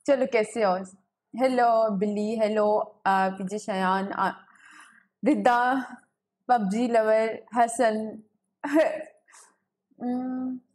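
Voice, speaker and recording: A young female gaming livestreamer from Pakistan chats from a home room lit by a ring light, using a webcam setup. Her voice is a little high with a darkish tone, extremely slow with long pauses. She's giggly and chatty, greeting viewers and reading chat aloud.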